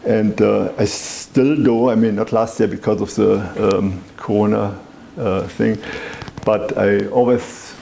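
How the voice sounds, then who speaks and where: This wine merchant's voice is low-ish, creaky and dark, with fairly even intonation and a slow pace. A heavily accented German man in his seventies, he reminisces in a meandering, chatty interview, repeatedly saying "you know," while the small wine bar's room echoes with faint background noise.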